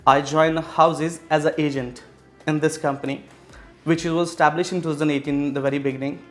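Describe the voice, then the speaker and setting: With faint music playing behind him, a real estate executive guest from Pakistan, a man in his thirties, fields interview questions, often using fillers and restarting. He speaks a little fast in a slightly high, level voice with a fairly bright tone.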